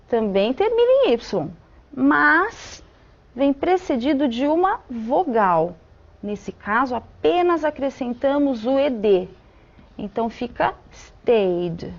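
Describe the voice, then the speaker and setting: A woman teaching an English grammar lesson, slowly spelling out rules step by step. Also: sits high, vocal fry, muffled recording.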